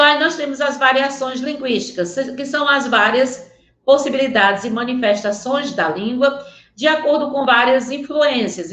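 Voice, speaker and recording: Lecturing over slides in an online Portuguese class, a woman speaks with a Northeastern Brazilian accent in a somewhat bright, higher voice. The recording is reverberant, and she keeps an earnest tone while frequently checking on her students.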